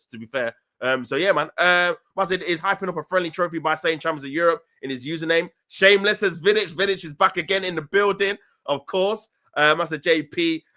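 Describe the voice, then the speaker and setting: A man's voice: on the high side, sharp tone. A young man hosting a casual football live stream, reading chat messages in loose, slangy talk and laughing often.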